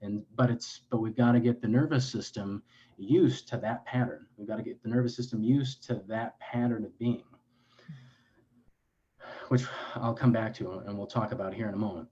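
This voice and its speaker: A man's voice: fairly low pitch, steady tone, normal speed, dark tone, muffled recording. A man speaking as a clinician guest in an interview, explaining in an earnest, lecturing way with frequent restarts and self-corrections.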